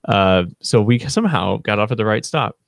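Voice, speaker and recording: A man's voice: fairly low pitch, expressive, moderate pace, vocal fry, no room sound, studio quality. A man hosting his channel, telling a casual, rambling story to camera with lots of fillers and self-corrections. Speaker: channel host.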